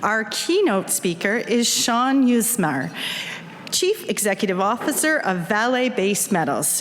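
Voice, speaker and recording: A woman's voice: mid-range voice, sing-song, measured pace, fairly bright tone. A woman hosting an event, reading a formal scripted introduction with polished corporate enthusiasm. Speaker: event host introducing the keynote speaker. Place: large indoor event hall, on stage. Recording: echoey hall with clear background noise.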